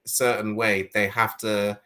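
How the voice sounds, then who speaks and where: A man hosting a casual podcast discussion, talking in animated rhetorical bursts. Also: fairly low pitch, measured pace. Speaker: host.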